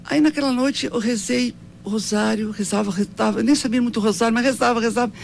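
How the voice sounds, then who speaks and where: A woman's voice: fairly high pitch, fast, creaky, slight background noise. A woman in her seventies with a Brazilian accent, telling her life story in an interview in an earnest, devout way, often ending with tag questions. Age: 70s.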